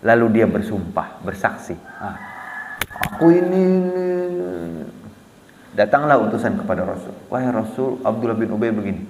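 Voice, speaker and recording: In a small prayer hall with echoey, long reverb, a man with a Banjar Malay accent preaches a casual sermon built on storytelling. His lowish voice moves at a moderate pace over a little hiss or hum, and he stays lively, acting out quotes and asking his listeners questions.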